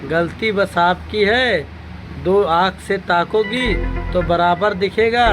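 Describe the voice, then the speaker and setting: A preachy older father-in-law in a cartoon comedy, voiced by a man lectures in a high, unhurried voice. Music plays clearly behind him. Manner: lecturing, measured, proverb-quoting. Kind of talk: cartoon voice acting.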